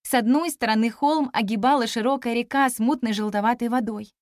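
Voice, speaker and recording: A woman narrating a children's story in an even, expressive reading voice. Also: fairly high pitch, a little fast, dry recording, studio quality. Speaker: audiobook narrator.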